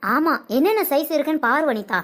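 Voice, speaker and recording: A woman voicing a calm young niece in a comedic cartoon, reasoning and soothing to end a quarrel. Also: high-pitched, brisk. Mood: casual. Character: calm young niece trying to keep peace.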